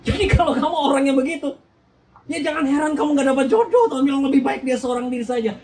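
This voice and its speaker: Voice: sits high, fast, a little mellow, poor audio. A young adult speaker preaching at a church youth retreat. They act out little scenes and keep quizzing the audience. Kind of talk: lively youth sermon.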